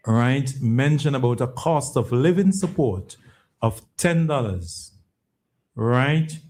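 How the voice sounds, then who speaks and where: A man's voice: medium pitch, warm tone. A man speaking as an executive guest on a phone-in, explaining policy emphatically, repeating words and often checking with a questioning tag. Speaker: pension fund chief executive, programme guest.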